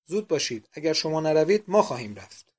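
A brisk young student urging everyone to leave in a storybook reading, as a male narrator does him. Slightly high, lively voice. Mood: impatient.

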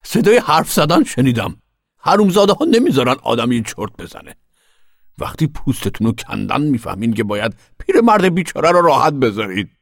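A man's voice: mid-range voice, very animated, no room sound, studio quality. An actor playing a cantankerous, foul-mouthed, mischievous old grandfather in a radio drama. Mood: grumbling. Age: older. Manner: grumbling, foul-mouthed, boastful.

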